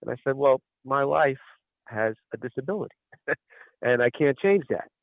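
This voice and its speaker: A man calls in to a radio show and tells a long, rambling story, acting out what everyone said. His voice sits at an ordinary middle pitch and comes through a tinny phone line. The sound is dry and close. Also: animated, moderate pace, creaky, no room sound. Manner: rambling storyteller who acts out quoted exchanges. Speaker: caller. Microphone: telephone.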